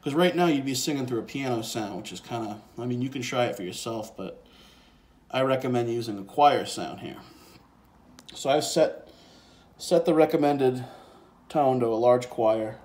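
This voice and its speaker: A man with a mellow, medium-pitched voice at normal speed presents a casual music gear tutorial, demonstrating software and a synth hands-on. He's indoors beside a synthesizer keyboard, recorded with a handheld phone plus a separate handheld microphone.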